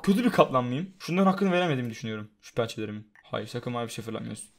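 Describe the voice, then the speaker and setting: Excitable man narrating his own gameplay. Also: very fast. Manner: excitable, swings from loud frustrated outbursts to low muttering; swears often, talks to the game. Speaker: gaming YouTuber. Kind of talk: live let's-play commentary.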